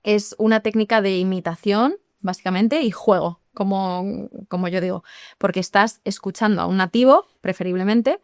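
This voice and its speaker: Speaking directly to her audience, a lively woman who teaches English explains topics during a podcast conversation. She has a mid-range voice at a normal speed, and the studio-quality recording carries no room sound.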